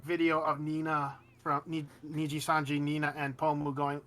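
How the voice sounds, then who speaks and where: A man chats casually while streaming a game. His voice is bright and sits a little high, and he jokes with quick self-corrections. Faint game music plays underneath. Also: completely flat delivery. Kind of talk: casual chat while gaming.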